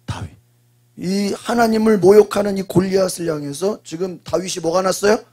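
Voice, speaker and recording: A man preaching a sermon as pastor, prompting the congregation with quick questions and answering them himself. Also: high voice, steady tone, a little mellow. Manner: call-and-response preaching, frequent prompting asides.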